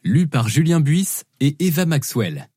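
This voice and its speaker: Lively, expressive male audiobook narrator. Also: fairly high pitch, a little slow, husky, dry recording, studio quality. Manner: expressive storytelling with lively shifts. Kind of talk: scripted first-person narration.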